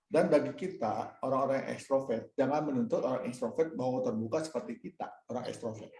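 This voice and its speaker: A man's voice: mid-range voice, fairly quick, warm tone, reverberant. A man speaking at a church fellowship meeting, telling a personal story and acting out the dialogue while answering questions. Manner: storytelling, acts out his own dialogue; addresses listeners as "Saudara". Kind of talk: casual sermon-like talk answering questions.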